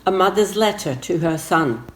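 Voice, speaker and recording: A woman's voice: fairly low pitch, animated, moderate pace, rough recording. Woman chuckling through a comic letter. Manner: puts on a light Irish lilt, chuckles between punchlines. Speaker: theater club member reading a comic letter. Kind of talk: amateur comic reading, laughing along.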